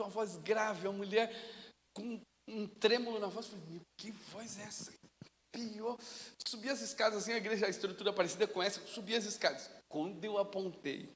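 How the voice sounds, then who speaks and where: Animated male preacher in echoing church. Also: high-pitched, moderate pace. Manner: storytelling, animated, casual. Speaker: pastor. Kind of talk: sermon. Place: church sanctuary. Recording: long reverb of a church hall.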